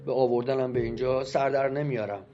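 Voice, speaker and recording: A man's voice: mid-range voice, fairly even intonation, lightly acted. A man doing a nervous, over-polite writer. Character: anxious, eager-to-please male writer. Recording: dull lo-fi audio under loud guitar music.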